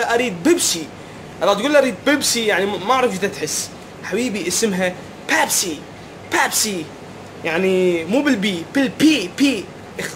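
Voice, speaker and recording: A young man with an Iraqi Arabic accent, doing an animated, mock-puzzled comic vlog monologue. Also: high voice, a little hiss or hum. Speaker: comedy vlogger.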